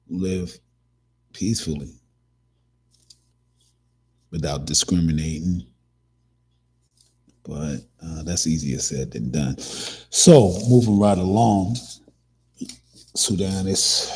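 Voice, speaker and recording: A man's voice: deep voice, darkish tone, husky. A man hosting a casual commentary talk, rambling with many restarts and fillers. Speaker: podcast host.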